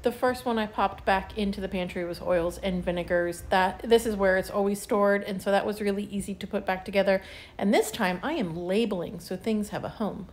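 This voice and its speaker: A woman's voice: mid-range voice, steady tone, brisk, darkish tone. A woman in her thirties chatting casually through a home organizing vlog, laughing lightly mid-sentence. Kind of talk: casual voice-over narration. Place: home kitchen with pantry, indoors.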